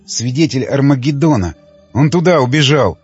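A man's voice: mid-range voice, animated, moderate pace, darkish tone, breathy edge, soft background music. A man voicing a young, grieving male survivor who talks in a raised, defiant way. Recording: dull lo-fi dry recording.

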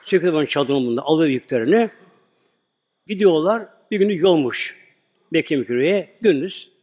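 A man's voice: a little high, lively intonation, moderate pace, a little mellow, big-room sound. A man preaching a sermon, earnestly telling a religious story and acting out its dialogue for the congregation.

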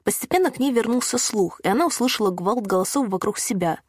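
A woman reading a storybook chapter aloud in a measured, even narration. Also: on the high side, breathy edge, no echo, clean studio sound. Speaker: audiobook narrator. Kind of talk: scripted narration.

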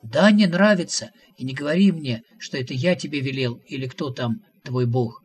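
A man's voice: medium pitch, expressive, normal speed, breathy edge. Shambambukli, an indignant demiurge voiced by a man. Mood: outraged. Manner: raised, protesting, flustered. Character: exasperated male demiurge, earnest and indignant.

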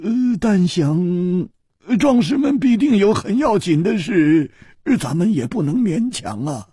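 A stately old king from a storybook, halting and humming between grand phrases, as a husky male storyteller puts him on. Husky, close and dry. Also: high voice, sing-song, dark tone, no room sound, pitched above the performer's own voice, exaggerated voice. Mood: hesitant. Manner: halting, full of hums and pauses. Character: hesitant, pompous older king.

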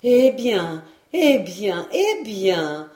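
A woman's voice: mid-range voice, big pitch swings, extremely slow, darkish tone. A woman reading the part of a sly, wheedling little middle-aged clothes dealer, in a roomy home recording. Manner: wheedling, waddling merchant.

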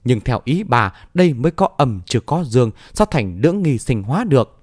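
Man voicing old owl queen, shrieking, scornful, storybook villain, swooping pitch. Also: big pitch swings, moderate pace, no room sound, studio quality. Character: shrill scheming old female owl queen.

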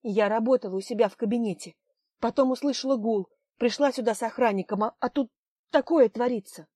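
A woman's voice: on the high side, a little fast, darkish tone, husky, dry recording. A woman reading a determined female studio owner, her lines urgent and indignant. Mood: agitated.

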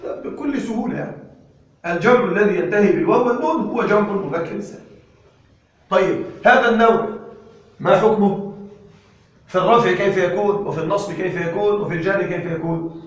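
A man teaching an Arabic grammar lesson in a classroom, asking his students questions and slowing down on the example phrases. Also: high voice. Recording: echoey room from far off.

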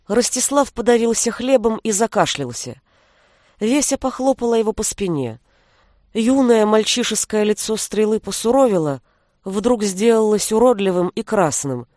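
A woman reads a novel aloud in steady, even narration, her pitch in a middle range. The recording is dry and close, with no room sound at all. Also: normal speed, no room sound. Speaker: audiobook narrator. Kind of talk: scripted narration.

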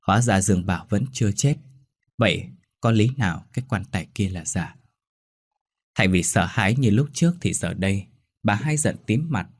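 Male ghost-story narrator, low husky voice, measured reading. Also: a little mellow, dry recording.

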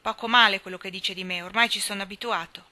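A woman reading the part of a loyal, gentle boy who pleads earnestly. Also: medium pitch, fairly even intonation, fast. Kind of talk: audiobook character reading.

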